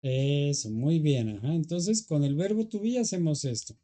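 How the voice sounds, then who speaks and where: A man's voice: on the high side, moderate pace, dark tone. A man teaching an English grammar lesson, patiently explaining and checking in with students.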